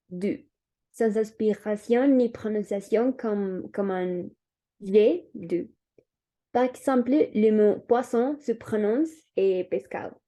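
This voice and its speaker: A woman's voice: fairly high pitch, mellow. A young woman giving an oral class presentation, reading aloud hesitantly with fillers. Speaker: student presenter.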